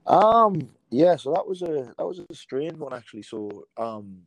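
A man's voice: fairly high pitch, very animated, unhurried, no room sound, low-quality recording. A man in his late thirties from England, with an English accent that has a slight American tinge, telling his story as a guest in a rambling way, with many fillers and restarts. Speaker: guest, rugby league coach. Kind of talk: relaxed storytelling interview answers.

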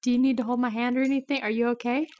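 A woman's voice: a little high, flat delivery, very fast, darkish tone. A woman playing a tabletop game, chatting and asking questions casually. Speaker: player.

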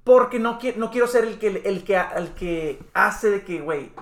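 A man's voice: sits high, animated, normal speed. A man co-hosting a casual podcast, slangy and dropping "güey" constantly. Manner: slangy, peppers speech with "güey". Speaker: podcast co-host. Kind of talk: casual chat. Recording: echoey room.

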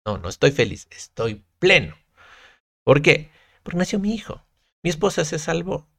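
A man's voice: a little high, sing-song, normal speed, creaky, a bit bright, dry recording, studio quality. A man talking as a guest on a podcast, earnest and reflective, stressing his points as he tells stories from his own life. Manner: earnest, reflective, emphatic storytelling with restarts. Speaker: podcast guest, content creator. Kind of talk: casual podcast conversation.

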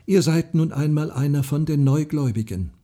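A man voicing a frail old widow who speaks softly, earnestly and secretively. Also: fairly high pitch, normal speed, voice pushed up, close to an everyday voice.

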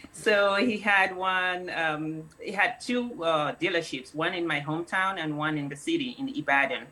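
A woman's voice: low-pitched, measured pace, sharp tone, low-quality recording. A middle-aged woman from Nigeria, a snack company founder, chatting casually as an interview guest and laughing often.

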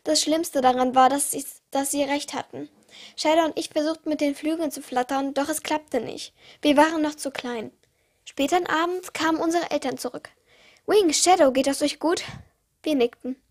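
For her podcast, a teenage girl reads short stories of her own in a high, steady voice at a moderate speed. Minor slips and restarts give the reading an uneven rhythm.

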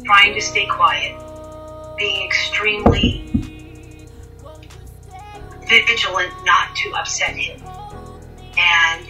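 A woman guest recounting a personal story in conversation, halting and intense, often repeating words. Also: medium pitch, fairly even intonation, sharp tone, distant mic, soft background music, rough recording.

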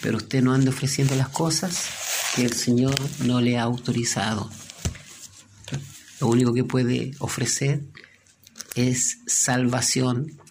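A man preaching a sermon, telling a story and dropping to a hushed voice at its moving moments. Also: mid-range voice, fairly even intonation, slow, pauses often, a little hiss or hum.

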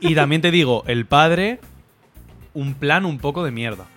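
Sweary man, bright voice. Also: on the high side, measured pace, soft background music. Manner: blunt, sweary, jokey commentary. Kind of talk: casual podcast chat retelling a film.

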